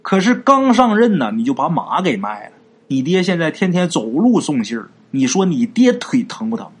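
A man voicing a shrewd, calm old male folk healer who speaks slowly in a low, knowing tone. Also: slightly rough. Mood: solemn. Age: older.

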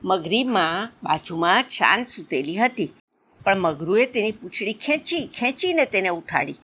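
A woman narrating a children's story in a lively, expressive way. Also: mid-range voice, normal speed, husky.

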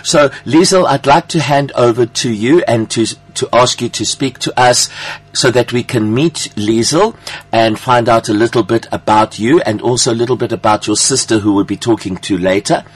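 Brief: male radio host, South African Greek accent, mid-pitched, effusive interviewer. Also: normal speed, slightly rough. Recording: radio broadcast.

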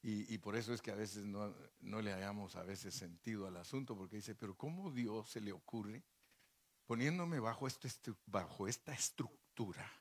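A man's voice: fairly low pitch, normal speed. A male pastor preaching a sermon in a folksy, joking way, full of rhetorical questions and asides to the congregation.

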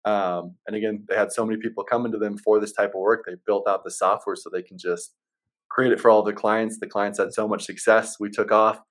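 A man's voice: on the low side, little pitch movement, brisk, fairly bright tone. A man speaking casually as an interview guest, explaining things in an easygoing salesman manner. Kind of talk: casual chat.

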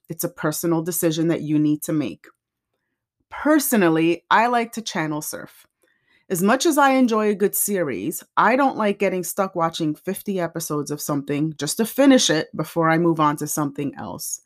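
Woman podcast host, lower-pitched, chatty and opinionated, casual delivery. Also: expressive, moderate pace.

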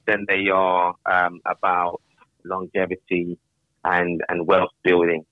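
A young man with a very low voice talks thoughtfully as a podcast guest, hesitating and repeating words as he works through his ideas. The recording is dry and slightly dull. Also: monotone, slow, no room sound. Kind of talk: casual podcast conversation.

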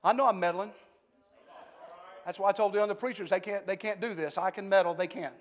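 Pastor, high-pitched man, swings from hushed to shouting, church with long echo. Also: a little fast. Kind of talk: Pentecostal sermon. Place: large church sanctuary. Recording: long hall reverb.

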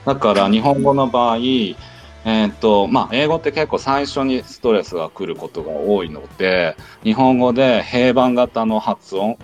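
A man's voice: medium pitch, measured pace, faint music behind. A man who teaches Japanese in the United States, patiently explaining things in a casual online audio chat.

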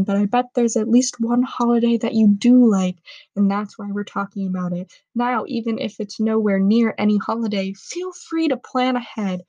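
A woman's voice: mid-range voice, dry recording, muffled recording. A young woman reading her own book aloud, telling it dramatically and stopping now and then to comment on it with amusement. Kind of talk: casual reading aloud with asides.

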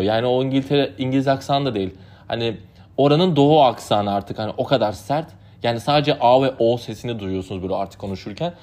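A young man, a native Turkish speaker, casually recounting his summer as a camp counselor in a rambling, chatty way full of fillers. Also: medium pitch. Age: young adult. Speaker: podcast host. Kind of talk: casual storytelling.

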